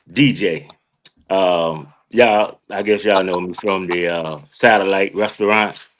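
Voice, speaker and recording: A man's voice: lowish voice, slight background noise. A man, a DJ introducing himself in a laid-back, informal way. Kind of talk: casual self-introduction.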